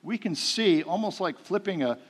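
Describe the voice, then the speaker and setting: A middle-aged man preaching a sermon, telling a family story in a folksy way, with frequent fillers and swings between loud and soft. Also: high voice, lively intonation, normal speed, breathy edge.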